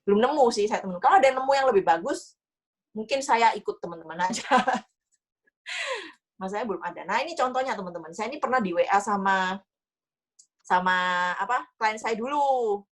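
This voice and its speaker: A woman's voice: on the high side, big pitch swings, normal speed, long pauses. A young woman, an insurance agent, chatting casually and motivationally to colleagues, mixing in English words and laughing often. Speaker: insurance agent sharing her experience.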